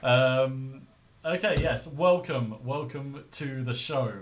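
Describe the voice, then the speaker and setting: A man's voice: medium pitch, takes it slowly. A man hosting a podcast in casual, informal, rambling style, speaking into a laptop's built-in microphone. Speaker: podcast host.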